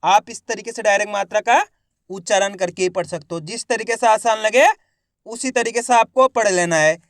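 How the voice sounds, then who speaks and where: A man teaching Hindi reading, sounding words out slowly syllable by syllable and then repeating each whole, while he encourages viewers as friends. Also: high-pitched, fairly bright tone, dry recording, studio quality.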